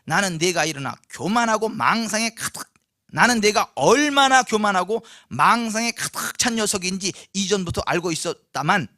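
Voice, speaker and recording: An angry, scornful older brother barks down at his youngest sibling in a loud, bright, high voice, as a preacher puts him on. The scolding is harsh and shouted, the room dry and close. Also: lively intonation, normal speed, dry recording.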